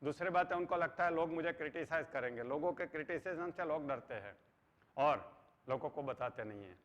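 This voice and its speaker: A middle-aged man delivers an earnest motivational lecture, slipping English phrases into his talk. His voice sits a little high for a man. The sound is dull, with a long reverb trailing off the walls of a big hall. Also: lively intonation, a little fast. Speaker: motivational trainer.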